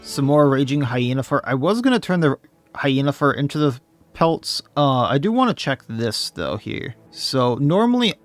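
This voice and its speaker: Slightly hoarse man narrating gameplay. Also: medium pitch, very animated, faint music behind. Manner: thinking aloud, casual and unhurried. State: slightly losing his voice. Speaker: let's play host. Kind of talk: gameplay commentary.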